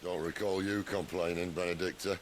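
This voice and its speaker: A man playing a gruff, weathered rebel leader and former knight commander in a video game, dry and assured. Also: low-pitched, little pitch movement, brisk, a little hiss or hum, natural voice. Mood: defiant, wry. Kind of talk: video game cutscene acting.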